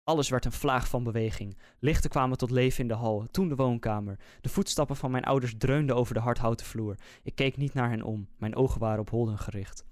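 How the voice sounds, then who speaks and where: A man, a podcast host, reading a scary story aloud in a slow, measured, suspenseful way. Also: medium pitch, darkish tone, no room sound, studio quality. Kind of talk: scripted horror story narration.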